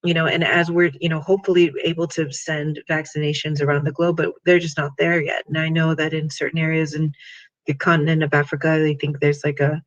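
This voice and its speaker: Rambling man moderating, dull audio. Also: on the high side. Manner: rambling, many "you know" fillers. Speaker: panel moderator. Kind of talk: moderating a discussion.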